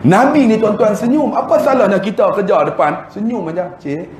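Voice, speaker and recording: A man's voice: high-pitched, brisk, echoey room, a little hiss or hum. A man with a northern Malaysian accent giving a religious lecture, telling humorous stories and acting out the dialogue. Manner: animated, humorous, acts out dialogue. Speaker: Islamic preacher.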